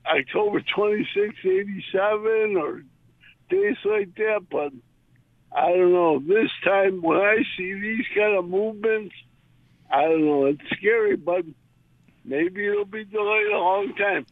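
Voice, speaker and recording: An older man calling in to a radio show over the phone, talking in a rambling, halting way. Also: high-pitched, dry recording. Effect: heard over the phone. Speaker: caller. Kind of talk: casual call-in chat. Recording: tinny phone line.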